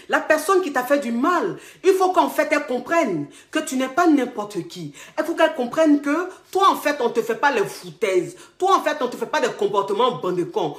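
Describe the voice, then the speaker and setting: A relationship coach with an Ivorian accent gives advice straight to camera, speaking emphatically, repeating herself and calling viewers darlings. She has a cold and sore throat; her voice is high and fairly bright, with a roomy sound.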